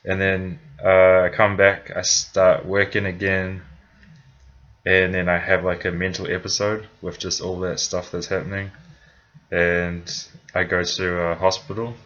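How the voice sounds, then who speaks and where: A man's voice: sits low, completely flat delivery, unhurried, fairly bright tone, dull audio. A young man from New Zealand with a New Zealand accent, casually telling his own story in a vlog, rambling with many fillers and self-corrections.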